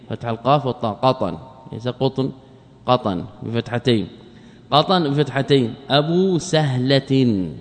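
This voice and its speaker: A man's voice: mid-range voice, a little mellow. Man teaching a classical text, long reverb. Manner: explains slowly, repeats key phrases, quizzes students. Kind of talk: classical Arabic study lesson. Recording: long reverb of a lecture hall.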